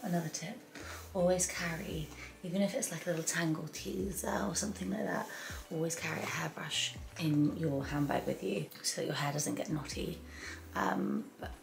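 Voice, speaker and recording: Low, gravelly woman vlogger, half-whispering. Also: normal speed, low-quality recording. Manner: chatty, often drifts into whispering. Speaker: beauty vlogger. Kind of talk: hair tutorial vlog. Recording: clear background noise.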